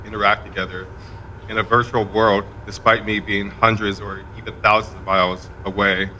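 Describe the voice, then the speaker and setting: A man stands at a memorial in a college event room, reading a eulogy for his father. His voice sits low but rings bright and forward, and he keeps a steady, rather monotone pace. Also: a little hiss or hum, low-quality recording. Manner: fairly monotone, measured delivery. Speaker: son giving a eulogy.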